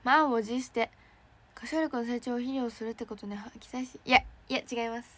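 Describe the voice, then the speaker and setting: Young idol girl on a fan stream, high chirpy voice, chatty and bubbly, squeals when excited. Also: brisk. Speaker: idol trainee streaming to fans. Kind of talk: casual livestream chat reading fan messages.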